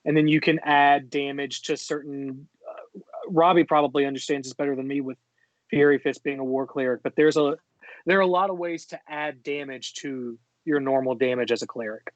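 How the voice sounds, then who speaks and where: A man player calmly explaining game rules in a casual way. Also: a little high, moderate pace, dry recording. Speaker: tabletop player.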